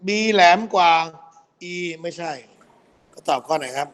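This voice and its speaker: A man's voice: a little high, a little slow, a bit bright. A man tutoring physics for an exam review, walking through problems and checking often that students keep up. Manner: quizzing students with constant "got it?" checks.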